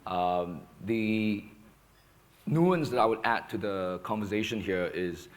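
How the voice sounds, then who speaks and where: A hoarse man with a sore throat, speaking on a conference panel and explaining points in a measured, firm way. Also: lowish voice, expressive. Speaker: panelist, company founder. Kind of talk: panel discussion.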